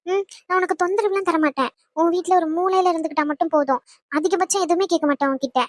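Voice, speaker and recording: A woman's voice: very high-pitched, steady tone, fast, no room sound, studio quality. A woman playing a sulky, proud young girlfriend in an audio drama romance. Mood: wistful. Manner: sulky, pouting.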